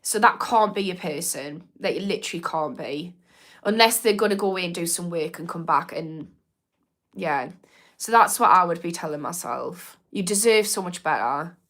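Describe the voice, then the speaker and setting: A former therapist in her thirties from Newcastle, England, hosts a mindset livestream, chatting frankly, advising viewers, and reading out their comments. She has a mild northern English accent and a voice on the low side, expressive and fairly bright, at a moderate pace, with lots of "like" fillers.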